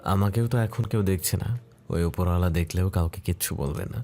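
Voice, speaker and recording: A man's voice: deep voice, brisk, creaky, mellow, soft background music. A man voicing a young doctor husband in a romantic audio story, speaking tenderly. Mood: brooding. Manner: tender, then anguished and tearful.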